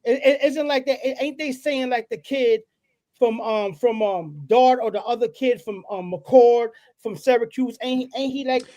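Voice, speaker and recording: A woman co-hosting a casual sports podcast, animated and joking, firing off questions. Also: on the high side, moderate pace, dry recording. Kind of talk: casual chat.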